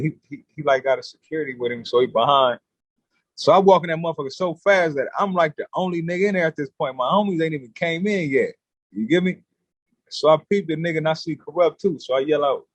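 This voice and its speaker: Man, husky, dry recording, streetwise slang, animated storyteller, guest on a podcast. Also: a little high, no room sound, rough recording. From California. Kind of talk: casual storytelling.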